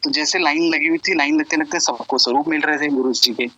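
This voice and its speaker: A man's voice: on the high side, steady tone, brisk, bright, forceful tone, lo-fi sound. Earnest man retelling devotional stories. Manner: earnest retelling, mixing Punjabi and Hindi quotes. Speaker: satsang speaker sharing devotee stories. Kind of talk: storytelling in a devotional gathering.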